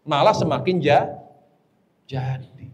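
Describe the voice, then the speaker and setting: A man preaching a lively sermon, joking and quizzing his audience. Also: a little high, slow. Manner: joking, teasing the audience with questions. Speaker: Islamic preacher.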